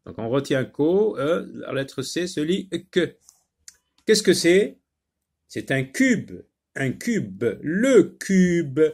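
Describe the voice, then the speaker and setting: A man's voice: fairly high pitch, big pitch swings, slow, a little mellow, breathy edge. A man teaching a phonics lesson to young learners, patient and repetitive, sounding out words syllable by syllable with frequent filler sounds.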